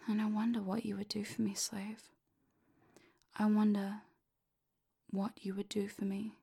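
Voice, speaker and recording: Breathy whispering woman with vocal fry. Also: mid-range voice, level tone. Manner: soft, slow, commanding whisper. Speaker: hypnosis audio creator. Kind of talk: whispered hypnosis roleplay.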